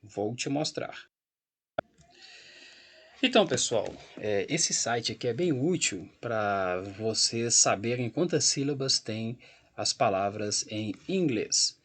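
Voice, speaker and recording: Slow and animated, this man's mid-range voice is husky with a fairly bright tone. Speaking with a Brazilian Portuguese accent, he records an English grammar lesson, walking through a website on screen, explaining patiently, and frequently checking on his class.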